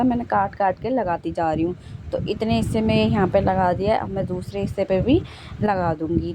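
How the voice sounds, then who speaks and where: A young woman vlogger narrating her kitchen cleanup in a casual, homely way, with lots of fillers and self-corrections. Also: lowish voice. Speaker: home vlogger. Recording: noticeable background noise.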